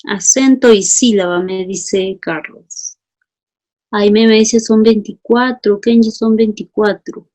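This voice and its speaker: A woman's voice: medium pitch, steady tone, slow pace, dark tone. A woman teacher leading a class, calling on students by name and reading out their answers. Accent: Peruvian Spanish. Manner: calls students by name, asks for justifications.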